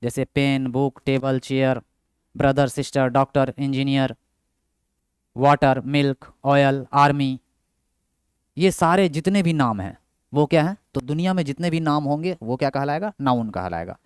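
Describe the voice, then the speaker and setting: A man's voice: mid-range voice, unhurried, clear, resonant tone, no room sound, studio quality. Man teaching, asks and answers himself. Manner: explanatory, asks and answers his own questions. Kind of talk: Hindi grammar lesson with English terms.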